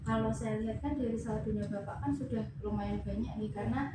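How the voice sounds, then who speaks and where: A woman's voice: on the high side, fairly quick. A woman speaking in a polite, formal customer service voice as a bank officer in a role-play. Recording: echoey room, distant mic, noisy background.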